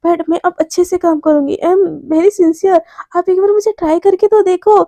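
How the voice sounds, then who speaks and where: A woman's voice: very high voice, normal speed, dark tone, no echo. A woman voicing a playful young woman, a cheeky new assistant who talks in a sweetly teasing way.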